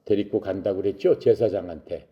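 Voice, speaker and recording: A man's voice: sits low, fairly quick, muffled recording. A man telling a Bible story to young people, asking questions and answering them himself. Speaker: Bible teacher for youth.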